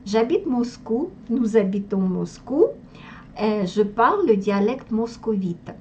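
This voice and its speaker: Very slow Russian-accented woman teacher. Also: medium pitch, expressive, a little mellow, highs cut off, slight background noise. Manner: careful, deliberate, pronouncing sounds one by one. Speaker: language teacher. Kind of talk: slow spoken language lesson.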